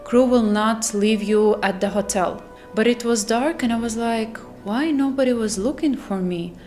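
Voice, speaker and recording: A woman who worked as a flight attendant, telling spooky hotel stories in a casual, animated way and laughing at herself. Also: a little high, moderate pace, faint music behind. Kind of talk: casual storytelling to camera.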